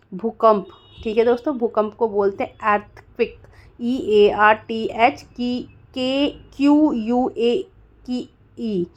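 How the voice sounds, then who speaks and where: A woman's voice: medium pitch, dull audio. A woman teaching English vocabulary, spelling each word letter by letter and checking in with her viewers. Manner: slow, deliberate spelling with frequent "theek hai dosto".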